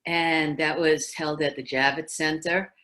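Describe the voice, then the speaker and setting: Lively older Brooklyn woman telling stories. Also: sits low, unhurried. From New York. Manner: animated storyteller who laughs easily. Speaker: guest. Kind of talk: casual interview chat.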